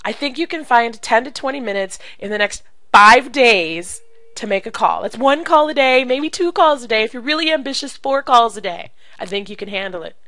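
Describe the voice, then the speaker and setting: A woman coaching direct sales in an animated, emphatic way, acting out phone calls as she teaches. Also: fairly high pitch, moderate pace, no room sound, rough recording. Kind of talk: coaching video talk to camera.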